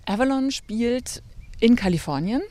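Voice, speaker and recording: A woman interviewing an author outdoors, calm and guiding, ending questions with checking tags. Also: a little high, unhurried. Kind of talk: radio interview. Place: outdoors among trees and grass.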